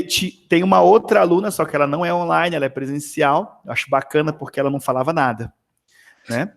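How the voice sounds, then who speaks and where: A man tutoring math one-on-one over a video call, chatting in an animated, storytelling way with many tag questions. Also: on the high side, gravelly.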